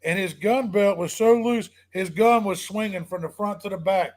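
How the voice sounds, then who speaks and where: A man, a podcast guest telling profane, animated road-trip stories full of acted-out dialogue. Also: high-pitched, normal speed. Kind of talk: casual storytelling.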